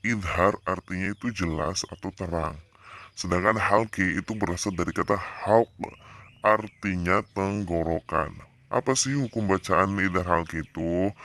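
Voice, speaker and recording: Young guy teaching recitation, pretty low voice, dry close sound, lots of uh pauses. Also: fairly bright tone, no room sound. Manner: hesitant, many pauses, slow drawn-out example recitation. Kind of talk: casual explanatory lesson.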